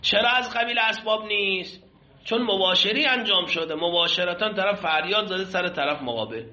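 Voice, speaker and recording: A man's voice: high-pitched, bright, forceful tone. Man teaching Islamic law in an echoey room. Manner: explains the Arabic text in Persian, asking students questions. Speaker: seminary teacher. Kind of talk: classroom lecture on Islamic law. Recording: echoey room, dull lo-fi sound.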